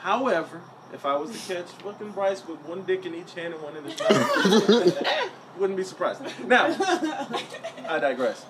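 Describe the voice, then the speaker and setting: A man's voice: high voice, expressive, moderate pace. A young adult man doing a profane, conversational stand-up comedy set on stage. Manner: profane, conversational, punchline-driven. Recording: distant, noisy stage recording.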